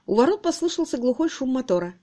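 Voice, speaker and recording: A woman's voice: sits high, sing-song, fast talker, dark tone. Woman narrating an audiobook. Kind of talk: scripted narration.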